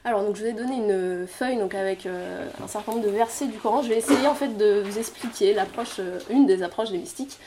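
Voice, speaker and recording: A woman's voice: medium pitch, fairly quick, few pauses, background noise. A woman giving a lecture, explaining step by step, thinking aloud with frequent fillers and restarts. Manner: explanatory, laughs lightly at own remarks. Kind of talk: lecture on Quranic mysticism.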